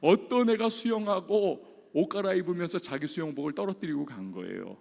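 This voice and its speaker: Preaching in a church sanctuary with big-room sound, this South Korean male pastor has a high, gravelly voice and talks a little fast. He brings his stories to life, acting out the people in them.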